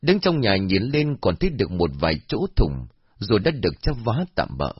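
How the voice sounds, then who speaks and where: A male storyteller reads with a low, husky voice and a lively, varied pitch. The recording is dry and dull, with a lo-fi sound. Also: moderate pace, no room sound. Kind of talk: story narration.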